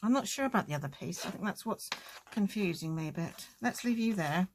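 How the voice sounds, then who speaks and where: A woman's voice: medium pitch, animated, brisk, a little mellow, a little hiss or hum. A woman hosting a casual crafting tutorial, chatting and thinking aloud as she works.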